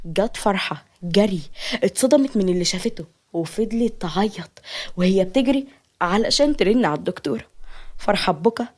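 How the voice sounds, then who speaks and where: A woman with an Egyptian accent narrates a dramatic romance story in an earnest, medium-pitched voice. She turns to her listeners now and then. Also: animated, fairly quick, a little mellow. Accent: Egyptian Arabic.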